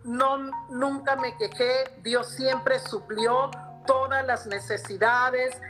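A woman's voice: high voice, fairly even intonation, slow, a bit bright, faint music behind, low-quality recording. A woman with a Peruvian accent, earnestly telling her personal faith story in an interview and often tagging her phrases with a questioning "¿no?". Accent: Peruvian Spanish. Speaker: interviewee giving a faith testimony. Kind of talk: personal testimony in conversation.

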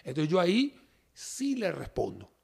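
A high-pitched man who talks with a gravelly edge and swoops all over his range. He chats as a guest in an animated, joking way, laughing through his sentences. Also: unhurried. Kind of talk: casual chat.

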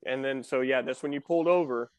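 A man's voice: mid-range voice, quick pace, smooth, no room sound. A man in a casual podcast chat, telling a shared story eagerly and jumping in with corrections. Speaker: podcast guest.

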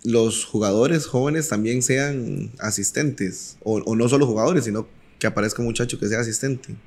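A man hosts a podcast in a mid-pitched voice. He asks his guest questions in a friendly, upbeat way. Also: moderate pace, a little mellow. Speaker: podcast host. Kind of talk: casual interview chat.

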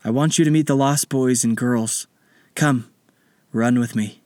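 A mysterious young girl archer, calm and hushed, as a man reads her part in a story. The sound is close and dry. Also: mid-range voice, unhurried, dry recording, lightly acted.

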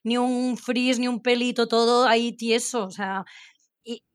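A woman's voice: a little high, fairly even intonation, unhurried, no echo, studio quality. A woman hosting a live casual chat, prompting her guest and chiming in often with agreement. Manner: agreeable, frequent affirming interjections. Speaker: host.

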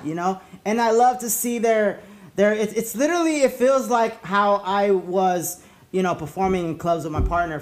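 A man with a notably high voice hosts a casual show. He rambles in a stop-and-start way, dropping party slang like a hype man. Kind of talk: casual, slangy host chat.

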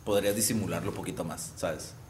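A man's voice: low voice, quick pace, darkish tone, slight background noise. A man with a Mexican Spanish accent in casual chat, blunt and swearing as he argues his point. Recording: echoey room.

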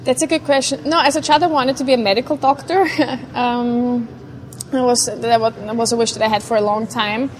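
Hesitant woman, fairly high voice. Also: steady tone, slight background noise. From Vienna, Austria. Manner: hesitant, thoughtful, many pauses. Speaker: guest, neuroscientist. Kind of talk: casual interview chat.

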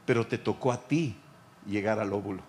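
A man's voice: fairly low pitch, moderate pace, darkish tone. Man, pastor, direct sermon, acts out Bible voices, faint noise.

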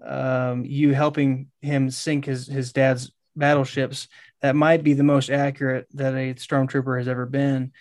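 A man's voice: mid-range voice, flat delivery, measured pace, no room sound. A man hosting a podcast interview in a friendly, casual way who laughs easily. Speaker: podcast host.

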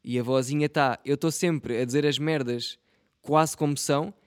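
A man's voice: on the high side, steady tone, normal speed, clear, resonant tone, dry recording, studio quality. A young man with a European Portuguese accent, rambling through a casual solo podcast in a self-mocking, slangy and profane way. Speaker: podcast host.

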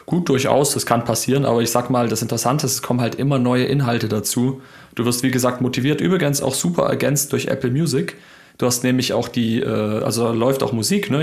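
Gravelly-voiced man in casual chat. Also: mid-range voice. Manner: enthusiastic, explanatory. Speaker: podcast co-host.

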